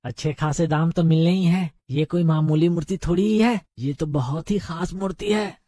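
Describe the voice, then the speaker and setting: Accomplice thief, played by a man: high-voiced and conspiratorial. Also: normal speed, mellow, no room sound, natural voice. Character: scheming male accomplice thief.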